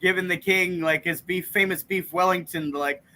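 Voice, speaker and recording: A man's voice: sits high, steady tone, normal speed, sharp tone, slight background noise. A man co-hosting a casual comedy news chat, riffing and rambling. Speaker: comedian co-host.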